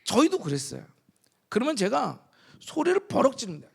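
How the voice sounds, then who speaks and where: A male pastor preaching a revival sermon, telling personal stories and moving from soft asides to shouted appeals. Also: very high voice, wildly swooping pitch, fairly quick, vocal fry, slightly rough. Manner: storytelling, shifts from soft asides to shouted exhortation.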